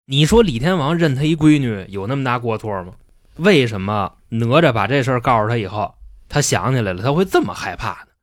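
A man hosting a casual podcast, retelling a story in a slangy, animated way with casual swearing. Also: medium pitch, a little fast, dry recording, clean studio sound. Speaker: podcast host.

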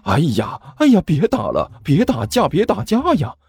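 A man voicing a flustered male peacemaker who pleads in a high, squeaky, frantic voice. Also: huge pitch swings, moderate pace, darkish tone, slightly rough, no room sound, full character voice.

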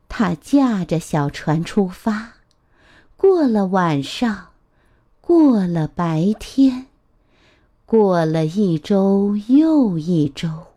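A woman storyteller reading a picture book aloud to children, gentle and expressive. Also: medium pitch. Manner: gentle, expressive, drawn-out phrasing.

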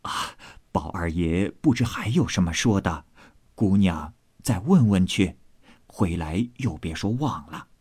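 A man reading aloud voices a humble, obliging old servant woman who speaks deep and deferentially, in a storybook reading. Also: expressive, measured pace, a little mellow, slightly rough, exaggerated voice.

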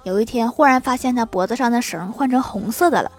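A woman with a fairly high voice hosts a comedy audio show. She reads her scripted jokes in a playful, teasing manner and lands each punchline quickly. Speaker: host of a comedy sketch podcast.

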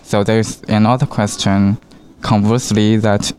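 A man from China asking interview questions in a slow, halting way. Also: on the low side, flat delivery, darkish tone.

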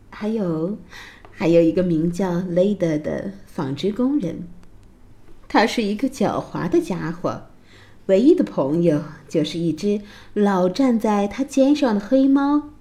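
A woman narrating a children's fairy tale in a slow, expressive storytelling voice. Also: mid-range voice.

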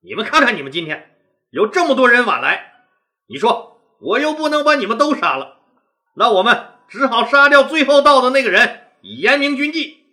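A stern older rebel chief , put on by a male storyteller, speaks with a raised, forceful, bright edge. His pitch swings widely as he hammers out his commands. He sounds like a boss who means every threat. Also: sing-song, normal speed, heavily acted.

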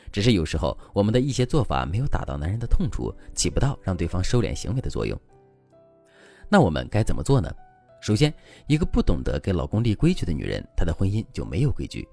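A man's voice: deep voice, vocal fry. A man hosting a relationship advice program, narrating a listener's story in a scripted, dramatic manner. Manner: dramatic, lively storytelling, advising tone. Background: soft background music.

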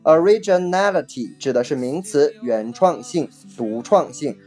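A vocabulary teacher giving a recorded lesson, patiently explaining, repeating each key word twice and spelling it out slowly letter by letter. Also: medium pitch, animated, a little mellow, faint music behind. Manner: spells words letter by letter, slow and deliberate.

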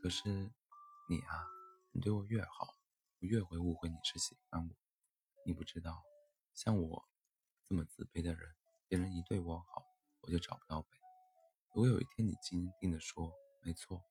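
A man voicing a shy, insecure male crow in a storybook tale, speaking softly and bashfully. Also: low voice, creaky. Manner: soft, bashful, self-doubting.

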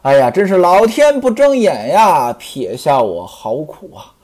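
Brief: a grieving rich man, heartbroken and self-pitying, crying out in a lively, rising and falling voice, a storyteller doing the part. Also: medium pitch, a little slow, pitched below the performer's own voice.

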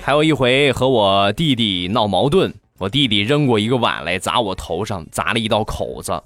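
A man telling funny childhood stories in a playful, animated monologue. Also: fairly low pitch, moderate pace. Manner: lively, playful, animated delivery. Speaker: comedian. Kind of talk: comic storytelling monologue. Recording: dry studio with faint music.

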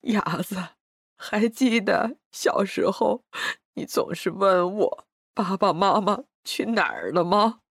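A slow, sighing old grandmother. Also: mid-range voice, animated, no echo, clean studio sound. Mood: sorrowful. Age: older. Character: elderly grandmother, tender and worried. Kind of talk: audio drama acting.

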